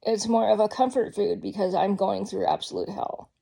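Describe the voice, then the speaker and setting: A woman's voice: mid-range voice, moderate pace, gravelly, mellow. A woman talking candidly in a casual personal vlog, rambling with frequent ums. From Georgia, US. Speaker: vlogger.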